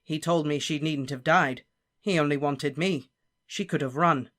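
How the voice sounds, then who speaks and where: Brief: earnest teenage boy wizard, quiet but insistent, read by the narrator. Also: mid-range voice, measured pace, close to an everyday voice. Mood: determined.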